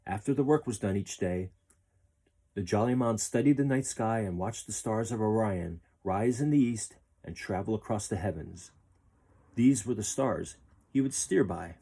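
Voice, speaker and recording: In a slightly rough, lowish voice, a man tells a children's picture-book story aloud, phrasing it deliberately and with plenty of expression.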